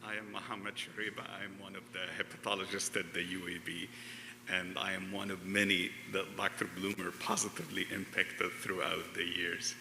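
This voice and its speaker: A man from Egypt, a liver doctor, giving a measured, formal memorial tribute in a church. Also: deep voice, level tone, gravelly. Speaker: hepatologist. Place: church hall. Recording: echoey church hall, faint noise.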